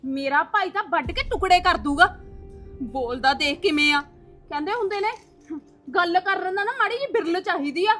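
A woman playing a sharp-tongued, proud young wife who talks in a scolding, indignant way. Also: extremely high pitch, animated, normal speed, soft background music. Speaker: daughter-in-law.

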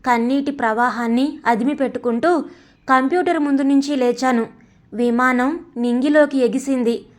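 A woman's voice: high voice, fairly even intonation, moderate pace. A woman narrating a family story aloud, reading it expressively and shifting into each character's lines.

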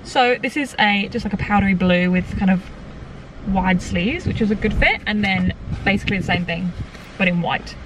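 A young woman talks through her thrift haul in loose, chatty sentences full of "like" and quick laughs. She sounds a little way off the mic, with a soft bed of background noise underneath. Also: mid-range voice, distant mic. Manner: chatty, laughs often, fillers like "like". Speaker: vlog host showing a thrift haul. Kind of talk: casual chat.

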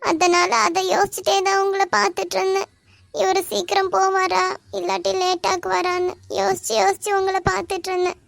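Teenage schoolgirl, very high squeaky voice, gravelly, timid and pleading, Kanyakumari Tamil accent, cartoon. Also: completely flat delivery, fairly bright tone, no echo, full character voice. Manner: hesitant, pleading, quick to tears. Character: shy poor teenage schoolgirl, hard of hearing. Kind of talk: animated cartoon dialogue.

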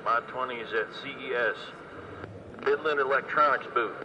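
A man's voice: mid-range voice, moderate pace. A man talking over a walkie-talkie radio in trucker CB lingo, answering from a trade show booth. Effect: voice heard over a walkie-talkie radio. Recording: muffled radio with loud static.

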